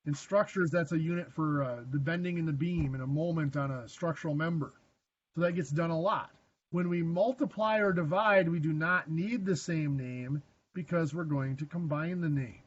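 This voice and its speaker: Higher-voiced man teaching math in class. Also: normal speed, slightly rough, muffled recording. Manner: dry joking asides, self-deprecating; asks the class questions. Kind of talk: classroom lecture.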